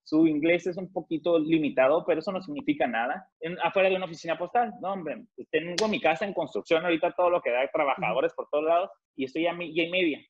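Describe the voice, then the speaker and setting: A man with a Mexican Spanish accent telling an animated, emphatic story as an interview guest over a video call, mixing in English phrases. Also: a little high, fast talker, few pauses, slightly rough. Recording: muffled video-call audio.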